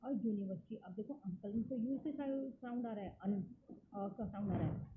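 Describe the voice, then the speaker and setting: A woman with an Indian accent, teaching a grammar lesson, explaining slowly and answering her own questions. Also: mid-range voice, narrow, tinny audio.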